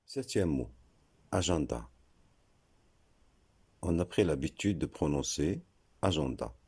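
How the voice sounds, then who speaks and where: A man giving a scripted lesson on French pronunciation, slowly spelling out words letter by letter. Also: extremely low pitch, expressive, warm tone, breathy edge. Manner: slow, deliberate, spells out letters.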